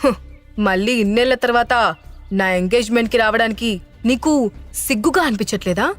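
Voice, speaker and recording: A woman voicing a bitter, jilted young man who accuses loudly, in an audio drama. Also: on the high side, a little fast, faint music behind, lightly acted. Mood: accusing. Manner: loud, accusing.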